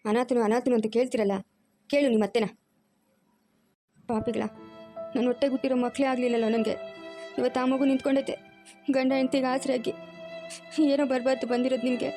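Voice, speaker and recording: A woman's voice: sits high, level tone, fairly quick, long pauses, mellow, faint music behind. A middle-aged woman playing a stern, wounded mother who scolds her family firmly in a home drama. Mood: stern scolding. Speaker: mother-in-law. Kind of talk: amateur family drama acting.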